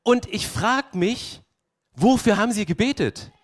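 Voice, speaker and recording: At a measured pace, a young preacher with a high-sitting voice recounts a story vividly for his congregation. He performs the characters' voices and keeps asking rhetorical questions.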